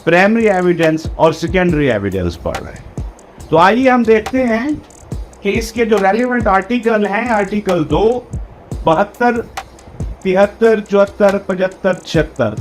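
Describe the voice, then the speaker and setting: Speaking in a high-pitched voice, a male lecturer teaches law to students preparing for exams. He goes deliberately, dictating important phrases word by word and dropping in English legal terminology.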